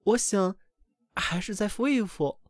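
A man voicing a doting, fussy mother duck in a storybook reading, with a high, excited, scolding voice. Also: unhurried, no echo, clean studio sound. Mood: fretting.

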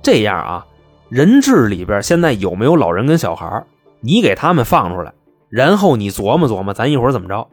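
A man's voice: medium pitch, sing-song, a little fast, breathy edge, soft background music. A man voicing a male police negotiator who talks in a soothing, wheedling way. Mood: placating. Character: placating male police negotiator, smooth talker.

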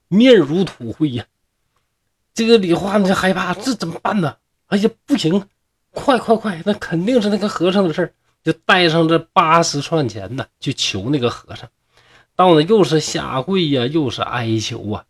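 A man's voice: on the high side, slightly rough. A man with a Northeastern Mandarin accent telling a folk tale in a humorous way, with chatty asides to the listeners. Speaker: storyteller.

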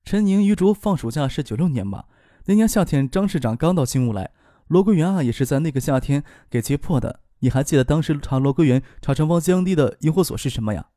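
Male audiobook narrator, animated delivery, mellow timbre, dry close-mic studio sound. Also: fast talker, no room sound. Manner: voices women and girls in a softer, higher register. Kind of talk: audiobook narration with character voices.

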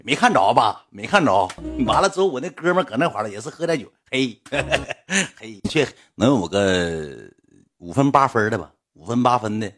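A man's voice: medium pitch, expressive, moderate pace, fairly bright tone. A man with a Northeastern Mandarin accent telling a rambling, colloquial anecdote, repeating phrases as he retells it. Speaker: storyteller. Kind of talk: casual spoken anecdote.

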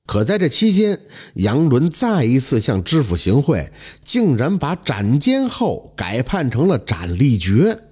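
Husky, animated male storyteller. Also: medium pitch, measured pace, few pauses. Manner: dramatic, lively storyteller, exclamatory asides. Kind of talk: traditional oral storytelling.

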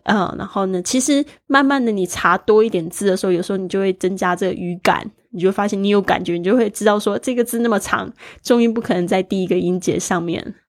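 A woman's voice: medium pitch, quick pace, few pauses. Woman teaching English vocabulary in Mandarin. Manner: spells words letter by letter and explains stress, with light laughs. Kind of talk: bilingual vocabulary lesson.

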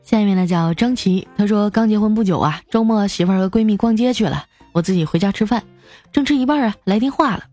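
A woman hosting a comedy show, reading listener jokes aloud. She talks with a lively manner, jumps up in pitch for quoted lines and laughs along. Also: fast talker, no room sound, faint music behind. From China.

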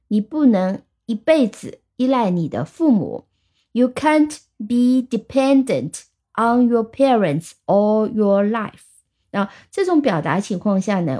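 A woman teaching vocabulary, explaining patiently and reading the example sentences slowly. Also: a little high, a little mellow. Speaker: English teacher. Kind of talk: vocabulary lesson.

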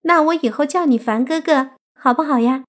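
A woman's voice: high voice, animated, measured pace, pitched above the performer's own voice. A woman voicing a playful, cute young female fox spirit in a coy, sweet, bubbly way. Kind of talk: audiobook character voice.

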